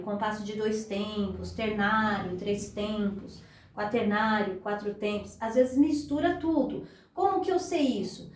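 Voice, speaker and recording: High-voiced woman teaching guitar. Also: a little mellow, a little hiss or hum. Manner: patient, explains step by step, counts beats aloud. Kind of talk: beginner guitar lesson. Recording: echoey room, voice a bit far from mic, guitar playing.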